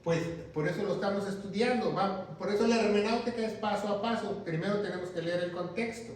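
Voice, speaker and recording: A man's voice: sits high, fast talker, a little hiss or hum. A male pastor teaching a Bible class who keeps asking his listeners questions and then answering them himself. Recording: echoey room, mic far off.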